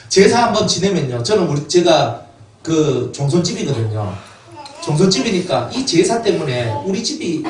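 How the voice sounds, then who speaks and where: A man's voice: high voice, slight background noise. A middle-aged male pastor gives an emotional sermon, telling his own life story and acting out family quotes. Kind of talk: sermon with personal testimony. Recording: roomy, distant church mic with faint ambience.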